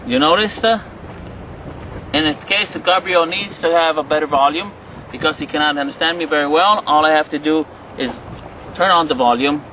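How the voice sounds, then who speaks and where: A man giving an instructional product demonstration as a trainer, speaking in a halting, explanatory way, recorded outdoors on a boat. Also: a little high. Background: wind and boat noise.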